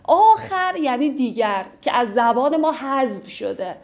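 A woman with a somewhat high voice teaches a class on classical poetry. She explains each verse patiently and slips in light jokes. She slows down to recite the lines. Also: sing-song, darkish tone. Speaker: literature teacher.

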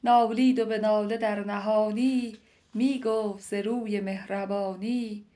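A woman reciting classical poetry in a measured, lilting way, repeating lines and sometimes dropping to a soft whisper. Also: medium pitch, fairly even intonation.

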